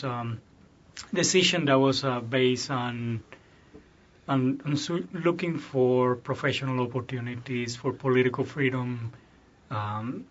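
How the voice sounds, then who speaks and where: Man, earnest and searching. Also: medium pitch. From Cuba. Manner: earnest, repeats words while searching for them. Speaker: guest, restaurant owner. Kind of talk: casual interview talk. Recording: dull lo-fi podcast audio.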